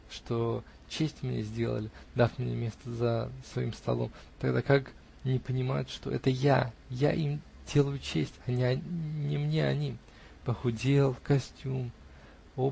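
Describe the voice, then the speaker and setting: Gravelly-voiced man reading a novel aloud. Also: mid-range voice, a little hiss or hum. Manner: expressive first-person storytelling. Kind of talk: audiobook reading of a classic novel.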